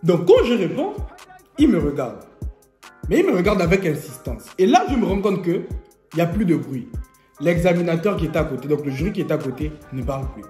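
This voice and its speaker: In this storytime vlog, a young man with a slightly high voice talks fairly quickly. He's a lively storyteller who jokes and laughs a lot, recorded in an echoey room with faint music.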